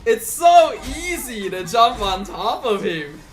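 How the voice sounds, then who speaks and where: A man doing casual livestream gameplay commentary like an animated, exasperated gamer bro. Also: high-pitched, slow, soft background music. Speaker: esports caster streaming a game.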